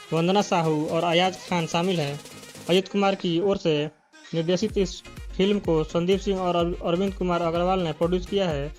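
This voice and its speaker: A narrator with a high, light voice reads a scripted entertainment news voice-over steadily and evenly from a prepared text, while faint music plays softly beneath him.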